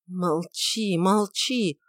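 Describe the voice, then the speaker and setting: A woman's voice: fairly low pitch, animated, measured pace, no echo. A woman voicing a troubled, passionate male outlaw who speaks in a brooding, pleading way, on a dry recording. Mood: grieving pleading.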